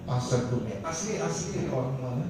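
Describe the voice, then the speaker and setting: A man's voice: mid-range voice, expressive, normal speed. A man interviewing a guest casually, using short prompts and confirmations. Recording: echoey room from far off with faint noise.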